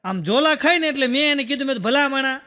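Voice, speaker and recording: A male comedian, telling folksy jokes to a live audience. His voice sits very high and comes across bright and forceful. A long reverb trails behind every line. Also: animated, fast talker. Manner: folksy storytelling, full of "I said" and "he said". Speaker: stand-up comedian. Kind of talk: stand-up joke telling on stage. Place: stage show with a live audience.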